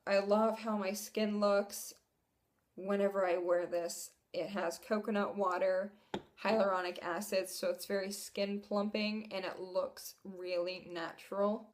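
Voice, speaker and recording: A young woman vlogging a casual makeup haul, chatty and enthusiastic, laughing at herself now and then. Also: mid-range voice. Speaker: beauty vlogger. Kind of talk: casual product haul review.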